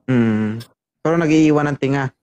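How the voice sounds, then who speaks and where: Male host, playful and teasing, medium-pitched voice. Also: normal speed, noisy background. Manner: teasing, joking banter. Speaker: matchmaking show host. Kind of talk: casual chat.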